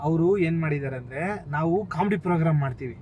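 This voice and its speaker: Male prank host from Karnataka, quick and teasing with a put-on menace, recorded inside a noisy moving car. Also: on the high side, a little mellow. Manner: teasing and mock-threatening. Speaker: prank host posing as a driver. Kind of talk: hidden-camera prank talk.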